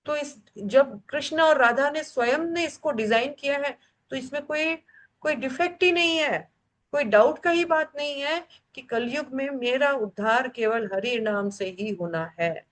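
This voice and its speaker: A woman's voice: sits high, unhurried. A woman leading a devotional scripture class, stressing points by repeating them and mixing English words into her talk. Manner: emphatic, repeats key phrases three times. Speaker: devotional study group leader.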